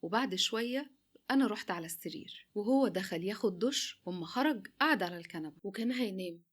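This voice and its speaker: Fast-talking Egyptian woman storyteller. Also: medium pitch. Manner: lively, chatty. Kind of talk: first-person romance story narration.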